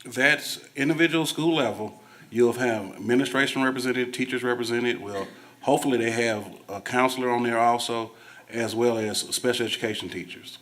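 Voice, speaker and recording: A man's voice: medium pitch, moderate pace, fairly bright tone. A man with a Southern US accent, a district staff member answering board questions in a folksy, apologetic, conversational way. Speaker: school district staff presenter. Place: school board meeting room.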